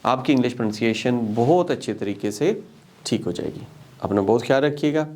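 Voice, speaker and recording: A man's voice: mid-range voice, expressive, brisk, darkish tone. A man with a Pakistani accent teaching English pronunciation, repeating words one by one for learners. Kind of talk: classroom lesson mixing Hindi-Urdu and English.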